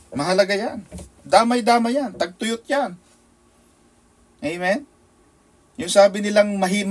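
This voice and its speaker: A male pastor with a Filipino accent, preaching a sermon with rhetorical questions and call-and-response, swinging between loud emphasis and soft asides. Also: fairly high pitch.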